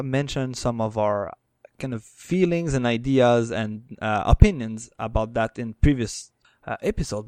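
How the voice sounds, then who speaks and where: Smooth-voiced man, halting casual podcast talk. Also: mid-range voice, no room sound, clean studio sound. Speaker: podcast co-host.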